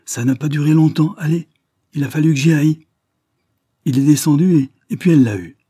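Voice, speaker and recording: A man reading aloud voices a blunt, lovesick peasant farmer who rolls his R and blurts his words out in rushes. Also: fairly low pitch, dark tone, husky, dry recording, studio quality. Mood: agitated.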